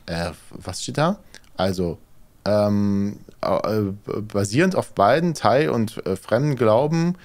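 A man's voice: lowish voice, animated, takes it slowly, darkish tone. A man doing casual let's play commentary, thinking aloud hesitantly as he plays. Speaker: let's player, horror game streamer.

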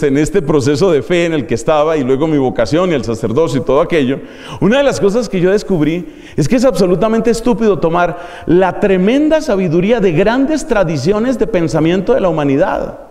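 High-voiced priest lecturing with irony. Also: male voice, expressive, a little fast, a little mellow. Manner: ironic, rhetorical questions to the audience. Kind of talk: university lecture. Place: university lecture hall. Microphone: microphone. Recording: long hall reverb.

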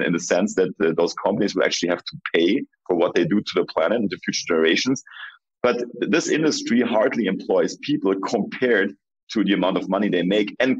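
Panel guest, male founder, deep husky voice, measured and searching for words, dull dry sound. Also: no room sound. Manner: measured, thinking aloud with restarts. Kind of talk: panel discussion.

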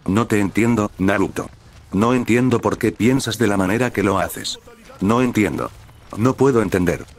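A man voicing a distraught, anxious young woman in a story reading, delivered in a flat, even way. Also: lowish voice, moderate pace, natural voice. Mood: upset.

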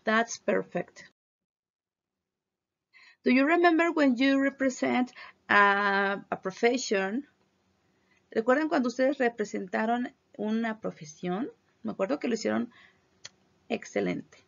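A woman teaching children English vocabulary in a review class, saying each English word slowly and carefully and then giving its meaning. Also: on the high side, gravelly, fairly bright tone. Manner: slow, careful pronunciation of English words with Spanish glosses. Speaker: primary school English teacher. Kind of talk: online class review, bilingual vocabulary drill. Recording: dull lo-fi recording.

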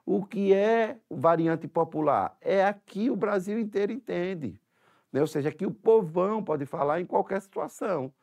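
A man's voice: high voice, expressive, normal speed, darkish tone. A man teaching an exam-prep language lesson in a Sergipe Brazilian Portuguese accent, explaining step by step and checking in often with tag questions.

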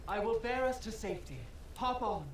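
An actress voicing a gentle female druid guide in a video game, warm, serene and reverent. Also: fairly high pitch, fairly quick, lightly acted. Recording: roomy game audio with noise.

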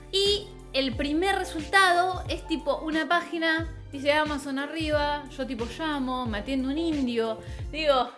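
A woman's voice: high-pitched, fairly bright tone. A young woman with a Rioplatense Argentine accent, telling a self-mocking story in a casual vlog, full of slang and asides. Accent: Rioplatense Spanish. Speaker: vlogger.

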